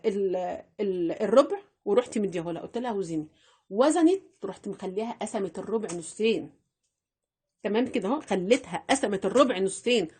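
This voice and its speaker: A woman's voice: a little high, a little mellow, breathy edge. A woman with an Egyptian Arabic accent giving household budgeting tips in a chatty vlog, repeating phrases and talking straight to her viewers. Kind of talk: casual instructional vlog.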